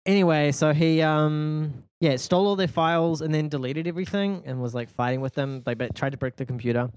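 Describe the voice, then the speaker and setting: A man's voice: fairly high pitch, fairly quick, a little mellow, clear, resonant tone, no echo. A man co-hosting a casual podcast, rambling and joking, swearing freely. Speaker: podcast co-host. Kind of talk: casual chat.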